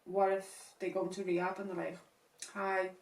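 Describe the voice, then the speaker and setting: A woman co-hosting a casual chat podcast, giggly and animated, recorded roomy and from a distance. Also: lowish voice, fast. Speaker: podcast co-host.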